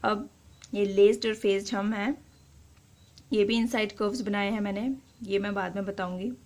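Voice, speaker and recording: A woman teaching a shorthand lesson, patiently repeating example words slowly and explaining each step. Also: mid-range voice, steady tone, darkish tone.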